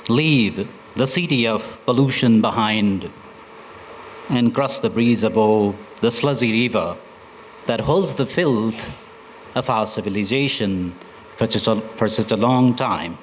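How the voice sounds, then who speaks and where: A man from Nepal, a poet reading his poems at a literature festival, slow and deliberate, with hesitant asides between poems. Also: fairly low pitch, a little hiss or hum, poor audio. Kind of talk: poetry recitation with spoken introductions.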